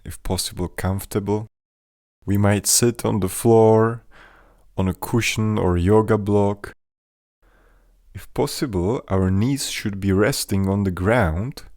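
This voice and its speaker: In a dry recording free of room echo, a fairly low-voiced man delivers a mindfulness meditation, his instructions measured and spoken very slowly and gently.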